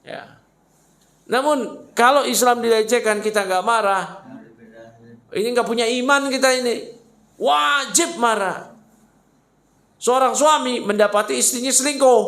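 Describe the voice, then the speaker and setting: A man's voice: extremely high pitch, a bit bright. Fired-up male preacher in echoey hall. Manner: emphatic, fired-up, rhetorical questions, mocking asides. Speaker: Islamic preacher. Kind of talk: mosque study sermon.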